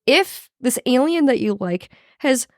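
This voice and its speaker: Hoarse, animated woman podcast co-host. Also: a little slow, dry recording, studio quality. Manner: animated, swearing, fillers, jumps high when excited. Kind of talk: casual chat.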